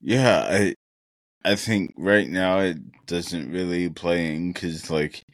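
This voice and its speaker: A man's voice: deep voice, takes it slowly, no echo. A young man co-hosting a casual podcast, talking in an earnest, reflective way and thinking aloud with many fillers. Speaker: podcast co-host.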